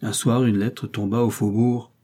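A man reading a short story aloud in a measured narrating manner, raising his voice for the characters' lines. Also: flat delivery, mellow, slightly rough. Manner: measured, voicing characters' lines with raised pitch.

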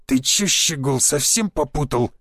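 A man's voice: medium pitch, expressive, measured pace, a bit bright, no room sound. Give me a snarling, threatening bald mercenary brute, as a male narrator puts him on in an audiobook. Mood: menacing. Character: burly bald male mercenary thug, hotheaded.

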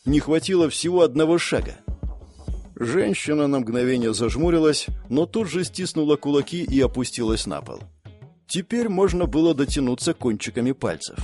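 A man narrating a fantasy audiobook in a steady storytelling manner. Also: a little high, moderate pace, soft background music.

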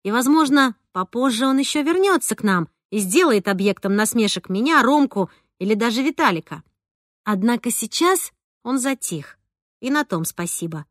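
A woman narrating a first-person novel with a lively, expressive reading. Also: fairly high pitch, no room sound, clean studio sound. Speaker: audiobook narrator.

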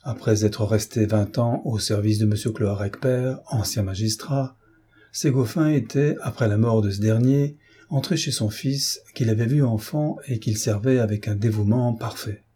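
A man narrates a classic novel in a measured, even storytelling voice. His tone is dark and mellow with a husky edge. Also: lowish voice. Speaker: audiobook reader. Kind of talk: reading a classic novel aloud.

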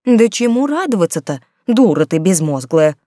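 Brief: fretful, hot-tempered gossip laundress, a woman doing the voice, shrill and loud, dry read. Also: lively intonation, moderate pace, no echo, natural voice. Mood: agitated scolding. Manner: loud, scolding, agitated.

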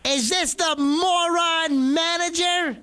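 A crotchety old man with an extremely high-pitched, sharp voice. He is grumpy and abusive, badgering and insulting whoever he has reached on a prank phone call. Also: fairly even intonation, slow, a little hiss or hum, heavily acted. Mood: indignant, grumpy. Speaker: prank caller.

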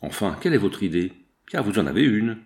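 A man's voice: lowish voice, very animated, a little fast, darkish tone. A man reading aloud, voicing a young dressmaker's fitter who is anxious and scheming, in a lifted voice. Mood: pleading.

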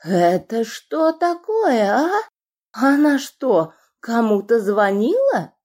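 A woman's voice: mid-range voice, very animated, unhurried, a little mellow. A woman voicing a fat, balding villainous man who gurgles and squeals, in an audiobook. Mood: shrieking. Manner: oily menace turning to shrieking. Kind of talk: audiobook character reading.

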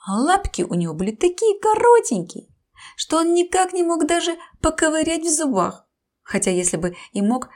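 A woman narrating a children's story aloud in an expressive, lively way. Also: on the high side.

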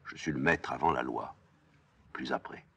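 A man reading a play aloud, voicing a weary, stern king who speaks gravely and with resignation. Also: very deep voice, moderate pace, pushed and bright, heavily acted.

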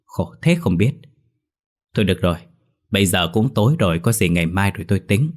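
A man's voice: sits low, expressive, brisk. A man doing a grave old exorcist master. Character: older male exorcist master, calm and grave.

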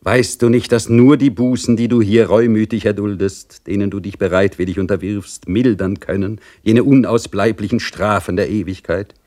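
A man's voice: lowish voice, steady tone, normal speed, few pauses, dark tone, close to an everyday voice. A man voicing a stern, sanctimonious male priest who presses a prisoner in an urgent, preaching manner. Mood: insistent.

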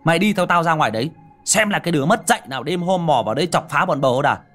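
A man voicing a blunt, mocking young village man who talks fast and swears. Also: fairly low pitch, lively intonation, slightly rough, soft background music. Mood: harsh defiant.

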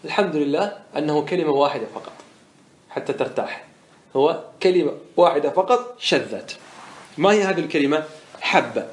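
A man teaching Arabic morphology in a classroom-style lecture. He asks questions and answers them himself, and he slows down to stress the example words. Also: a little high, animated. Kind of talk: classroom lecture explaining a grammar poem. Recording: roomy echo.

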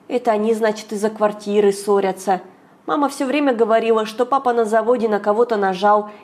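A woman reading an audiobook aloud, narrating lively in the first person as a young girl. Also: medium pitch. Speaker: audiobook reader.

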